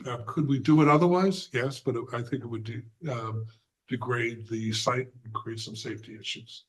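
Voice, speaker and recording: A man presenting a plan at a zoning hearing, hoarse and halting, with many fillers and frequent throat clearing. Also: medium pitch, steady tone, poor audio. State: hoarse, losing his voice. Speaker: applicant's representative. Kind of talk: presenting at a remote board hearing.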